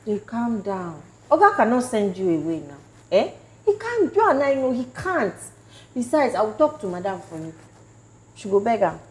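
Actress as a pleading Nigerian housemaid. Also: female voice, mid-range voice, darkish tone, roomy sound, lightly acted. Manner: pleading, apologetic. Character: apologetic young Nigerian housemaid.

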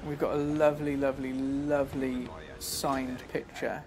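A man chatting casually while playing a video game live, breaking into quick exclamations as he reacts. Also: mid-range voice, flat delivery, background noise. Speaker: streamer. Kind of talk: live gameplay commentary. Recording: game music playing behind.

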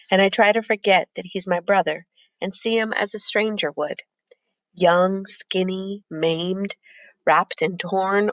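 A woman narrating a first-person novel as an audiobook in a steady, measured reading. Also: on the low side, dry recording.

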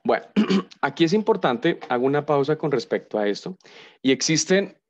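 A man's voice: fairly high pitch, lively intonation, normal speed, darkish tone, no room sound. A man giving a casual live coding lesson as a university lecturer, thinking aloud and humming as he types. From Colombia. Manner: chatty, thinks aloud, hums nonsense while typing. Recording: dull lo-fi sound, dry.

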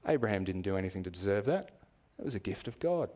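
A man with an Australian accent preaching a sermon in a church, measured and explanatory, asking the congregation questions. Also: on the low side, sing-song, a little mellow.

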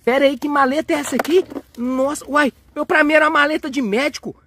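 A young father, filming his kids at play outdoors and narrating in an excitable, coaxing way. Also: extremely high pitch, fast. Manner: excitable, coaxing, cheers and exclaims often. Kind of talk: playful family vlog narration. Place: outdoors on a street and yard.

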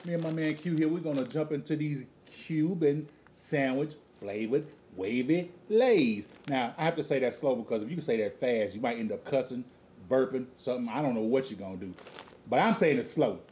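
A man's voice: medium pitch, darkish tone, slight background noise. A man co-hosting a food review, chatting casually and jokingly, drawing out and repeating his words. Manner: joking, drawn-out, repeats himself. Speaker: co-host of a food review show. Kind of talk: casual chat.

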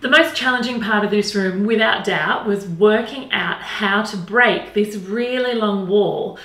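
A woman's voice: mid-range voice, unhurried, a bit bright. A middle-aged woman presenting a makeover reveal in a gushing, emphatic manner. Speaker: renovation show host. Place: small indoor tiled hallway. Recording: echoey room, faint background noise.

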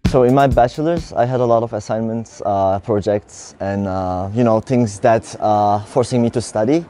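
A young man from Turkey, a master's student answering interview questions hesitantly, with many pauses, outdoors. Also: on the low side, mellow, faint music behind. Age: young adult. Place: outdoor city square.

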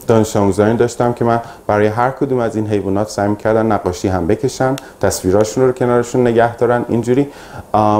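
A man as a teacher drilling vocabulary, sounding out each English word slowly so students can echo it. His voice sits low and mellow. He moves between careful modelling and relaxed explanation. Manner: slow, carefully pronounced English words for repetition. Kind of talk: classroom lesson, drilling vocabulary.

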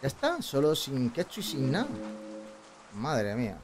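A man's voice: medium pitch, huge pitch swings, measured pace, music in the background. A man from Spain with a Spanish accent doing playful, casual gameplay commentary, chatting to himself and reading dialogue aloud. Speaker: gaming video host. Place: indoor streaming setup. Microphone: close desk boom microphone.

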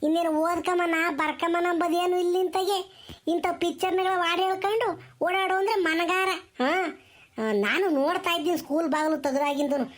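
A strict village mother with a very high, sharp voice, played by a woman, nagging and scolding in a rural Tumakuru Kannada accent. She rattles off her complaints in brisk, rhythmic village talk for a comedy skit. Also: steady tone.

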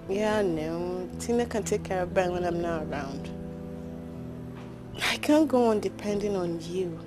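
An actress with a Nigerian accent playing a devout, long-suffering wife who speaks softly and patiently. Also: female voice, fairly low pitch, lively intonation, unhurried, music in the background. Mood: hopeful. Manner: soft, patient, faith-filled. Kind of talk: film drama acting.

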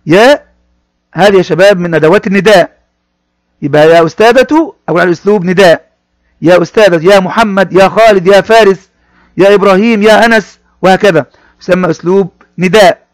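A male primary school teacher, explaining each word of a reading lesson slowly and repeating phrases for young pupils. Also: sits high, no room sound.

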